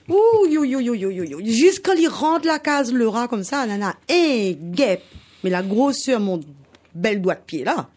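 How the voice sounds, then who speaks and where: Storyteller: woman, Réunion Creole French accent, husky, very lively pitch. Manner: animated, laughing, sound effects. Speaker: storyteller guest. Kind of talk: oral folk tale telling.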